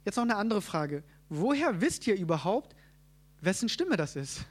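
High-voiced man preaching. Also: sing-song. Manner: asks the audience questions, quick asides. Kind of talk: sermon teaching.

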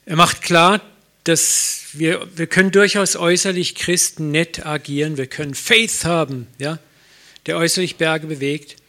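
A man's voice: fairly high pitch, fairly even intonation, normal speed, sharp tone. A middle-aged man, a pastor, preaching a sermon in a conversational way, with anecdotes and self-mocking humor.

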